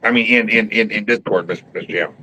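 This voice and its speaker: A man's voice: lowish voice, a little fast, pushed and bright, slight background noise. A man hosting a casual live stream, joking around and thinking aloud in an easygoing way. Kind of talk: casual chat.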